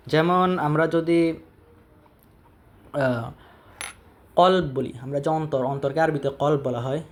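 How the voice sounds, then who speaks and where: A man teaching Arabic letter pronunciation in Bengali, patiently repeating each sound for learners. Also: a little high. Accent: Bangladeshi Bengali. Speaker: Quran reading teacher. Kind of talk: step-by-step lesson on Arabic letters.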